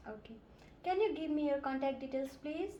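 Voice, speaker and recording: A woman's voice: high-pitched, lively intonation, a little fast, mellow, lo-fi sound, a little hiss or hum. A woman from Nepal, playing a nurse and asking polite, methodical questions in a scripted health assessment role-play. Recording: roomy echo.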